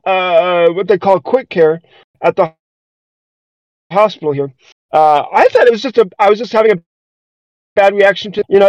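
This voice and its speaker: A man co-hosting a podcast tells a story casually and ramblingly, full of hesitations and restarts. His voice is high-pitched with a darkish tone, and the lo-fi recording is dull and dry with no room sound.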